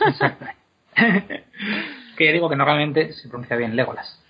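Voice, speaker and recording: A man explaining pronunciation in a casual, animated way, drawing words out slowly to demonstrate them. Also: a little high, slightly rough. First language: Spanish. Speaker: guest explaining Elvish pronunciation. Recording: dull lo-fi podcast recording.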